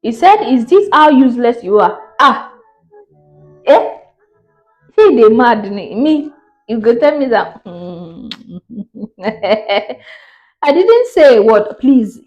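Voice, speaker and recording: A woman's voice: on the high side, sing-song, a little mellow, dull audio. Sassy Nigerian woman giving relationship advice. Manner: sassy, outspoken, quick to laugh. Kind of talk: reading a viewer's story aloud and reacting.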